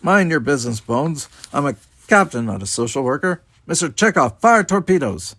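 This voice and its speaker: A man's voice: mid-range voice, very animated, moderate pace, gravelly, fairly bright tone, no room sound, clean studio sound, voice pushed up, exaggerated voice. A man playing a brash, snappish starship captain in a dramatized audiobook. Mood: snappy, forceful.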